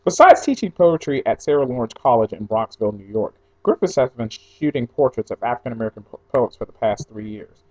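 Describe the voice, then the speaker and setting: A man's voice: medium pitch, big pitch swings, brisk, hardly any pauses, a little mellow. A young man from New Jersey and Atlanta chatting casually and offhandedly, reading through a questionnaire for an audio blog post with wandering asides. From New Jersey, mostly raised in Atlanta. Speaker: blogger recording an audio post. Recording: slightly dull lo-fi home recording.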